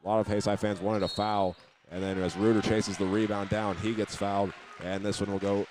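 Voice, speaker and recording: An American-accented announcer gives live radio play-by-play of a high school basketball game, speaking a little fast with flat delivery. Background noise is audible alongside clear gym ambience and the sound of balls bouncing.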